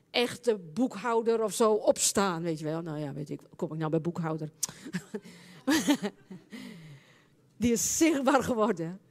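A woman preaching and praying in a charismatic church service, speaking fervently and building into loud, impassioned prayer. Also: medium pitch. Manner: speaks in tongues between prayers.

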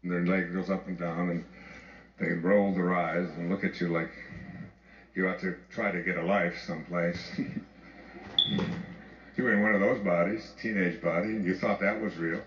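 A man's voice: steady tone, normal speed, long pauses. Older man speaking in an echoey hall. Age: 70s. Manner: storytelling, rising high when mimicking his daughters. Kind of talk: inspirational talk. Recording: echoey, distant, muffled with noise.

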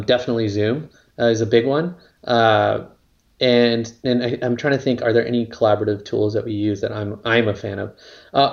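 A man's voice: medium pitch, vocal fry, a little mellow, highs cut off. A man, a company co-founder, talking casually in an interview, rambling with lots of fillers and some casual swearing.

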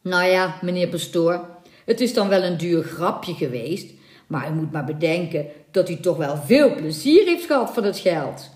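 A woman's voice: fairly low pitch, animated, normal speed, a little mellow, close to an everyday voice. A woman voicing a cunning male robber chief who poses as a humble villager and mocks his victim. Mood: mocking. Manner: sly, coolly mocking. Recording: echoey room.

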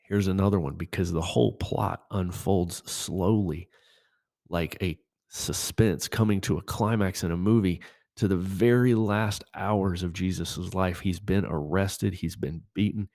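Male podcast host, low voice, dry close sound, emphatic teaching delivery, reads verses slowly. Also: fairly even intonation, vocal fry, darkish tone, no echo. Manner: emphatic, quoting scripture in a slow measured voice. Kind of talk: preaching-style podcast talk.

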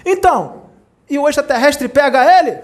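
A man with a remarkably high-pitched voice gives a casual spiritual talk. He tells movie stories with animated energy and often stops to check in with his audience. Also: normal speed. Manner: animated storyteller, acts out quoted characters; conversational, checks in with listeners often. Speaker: spiritual speaker. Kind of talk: informal spiritual talk retelling film scenes.

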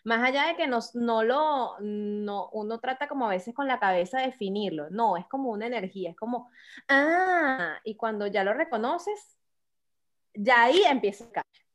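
A woman with a Venezuelan Spanish accent, a therapist guest, chatting in an animated way with hesitant restarts. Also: on the high side, normal speed. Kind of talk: casual podcast conversation.

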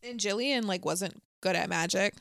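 A chatty woman talking casually as a podcast co-host, her voice at an ordinary middle pitch. She laughs easily and jumps into little acted-out quotes. The sound is dry and close, with no room echo. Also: moderate pace, vocal fry, fairly bright tone. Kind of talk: casual chat.

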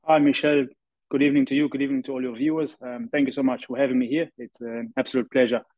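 A man in his thirties speaks as a podcast guest, earnest and reflective as he tells his story. The sound is dry, with no room around it, and slightly muffled. His pitch sits in an ordinary middle range. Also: level tone, fast talker, no echo. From South Africa. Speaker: guest, professional rugby player. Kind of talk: podcast interview. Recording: dry, slightly dull lo-fi audio.

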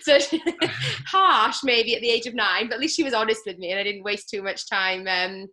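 A woman's voice: a little high, normal speed, bright, forceful tone. A woman from Swansea with a South Wales accent, talking casually as a guest in an interview. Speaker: podcast guest, elite triathlete.

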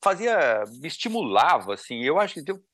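A man talks as a guest on a casual podcast, his pitch rising and falling in an animated, reflective way. He speaks over a remote call from home. The sound is dry, with no room echo. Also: brisk. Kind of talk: casual chat.

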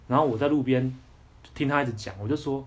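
A young man with a Taiwanese Mandarin accent talks on a casual livestream podcast. His voice is husky and mid-pitched. He rants in a blunt, heated way and swears often. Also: quick pace. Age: young adult. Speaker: podcast host.

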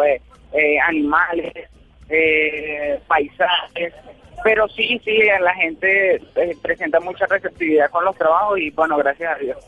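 A Venezuelan man calling a radio show, speaking haltingly with many fillers. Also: high-pitched, no room sound. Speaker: caller. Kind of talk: radio call-in chat. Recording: dull phone-line call.

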